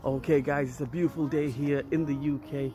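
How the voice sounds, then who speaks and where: A man's voice: fairly high pitch, fairly quick, music in the background. Chatty man vlogging to camera. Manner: chatty, excitable, says "right?" and "let's go" often. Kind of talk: casual vlog to camera. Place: car, outdoors in town and by a river, shop. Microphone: phone or action camera held at arm's length.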